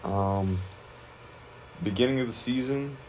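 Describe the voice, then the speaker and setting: A young man, a high school wrestler, chatting casually in an interview, relaxed and rambling with many fillers and restarts. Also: slow pace, slight background noise, low-quality recording.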